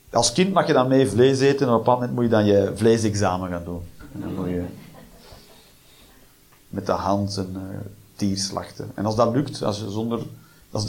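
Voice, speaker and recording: A man doing a stand-up comedy routine, mixing deadpan dark jokes with sudden shrieked voices. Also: lowish voice, vocal fry.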